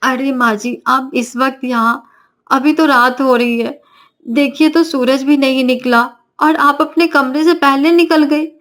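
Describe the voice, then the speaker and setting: A woman's voice: high voice, fairly even intonation, a little slow, a bit bright. A woman voicing a lazy, cheeky young daughter-in-law who talks back in a sulky way in a cartoon story. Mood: sleepy. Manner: sulky, backtalking.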